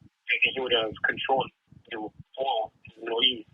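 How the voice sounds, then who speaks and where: A man in his twenties calling in on a phone line whose audio glitches and cuts out, sounding muffled and talking in a hesitant, halting way full of fillers. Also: medium pitch, level tone, breathy edge. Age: 20s. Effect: glitching, cutting-out phone audio. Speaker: caller. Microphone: phone call.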